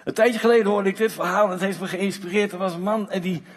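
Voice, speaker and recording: A man with a high, husky voice preaches in a church hall with a long reverb. He tells his stories in a lively way, doubling back on words as he goes. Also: fast talker. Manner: lively storytelling with repeated words. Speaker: pastor. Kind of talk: sermon.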